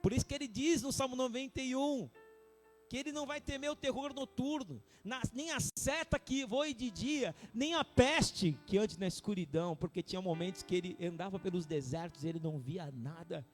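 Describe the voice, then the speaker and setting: A man preaching as pastor, speaking intimately to his congregation and then building to impassioned, shouted appeals. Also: sits high, moderate pace, faint music behind. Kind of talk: sermon.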